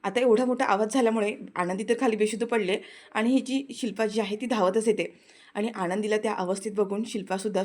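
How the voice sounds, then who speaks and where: A woman's voice: on the high side, a little mellow. Marathi woman narrating a TV serial recap. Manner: retells scenes, briefly acting out characters' lines. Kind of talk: casual spoken episode recap.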